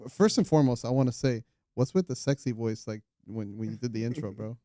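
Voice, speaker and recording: A man as a returning podcast guest, relaxed and teasing, describing a beer's smell. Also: mid-range voice, fast talker, dry recording, clean studio sound. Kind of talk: casual chat.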